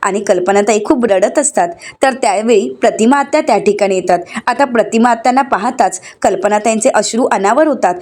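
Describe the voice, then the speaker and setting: A woman narrating an episode recap in a steady, scripted recounting manner. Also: a little high, a little fast, hardly any pauses.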